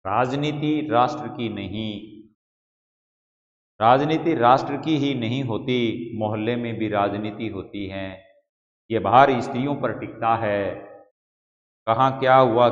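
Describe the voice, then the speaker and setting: A man teaching a Hindi literature lesson in a Rajasthani accent reads a story aloud and then stops to explain it to his students. His voice sits fairly low. The sound is dull and lo-fi, with a long echo as if from a large classroom. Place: school classroom.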